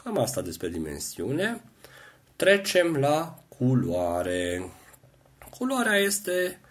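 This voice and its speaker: A middle-aged man patiently teaching a computer lesson, explaining each keystroke step by step. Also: mid-range voice. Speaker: computer skills instructor.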